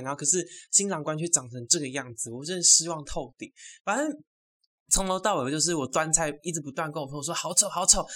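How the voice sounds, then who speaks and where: A young woman, hosting a podcast and telling a story in an animated, gossipy way with loud exclamations. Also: deep voice. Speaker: podcast host. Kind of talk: casual solo storytelling.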